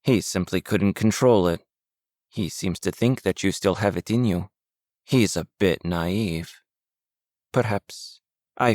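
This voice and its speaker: A man's voice: low voice, a little mellow, no room sound, clean studio sound. A man voicing a blunt, resolute young woman.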